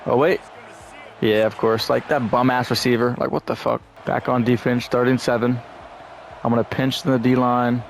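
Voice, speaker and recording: A young man giving casual gameplay commentary, frustrated and profane, now and then shouting at the game. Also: mid-range voice, flat delivery, normal speed, a little hiss or hum. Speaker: gaming YouTuber.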